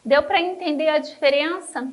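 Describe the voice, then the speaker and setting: A woman with a Brazilian Portuguese accent and a high voice teaches a church Bible lesson. She talks straight to her listeners, calls them brothers, and slows right down to hammer home the words that matter. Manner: emphatic, slows down to stress key words; addresses listeners directly as brothers.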